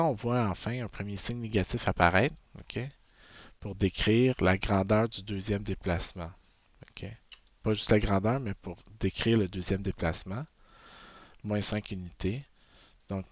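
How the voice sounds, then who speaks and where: Low-voiced Québécois man teaching physics. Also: no room sound. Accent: Québécois French. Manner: frequent "ok?" checks, self-corrections. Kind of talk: recorded lecture. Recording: dull, dry lo-fi sound.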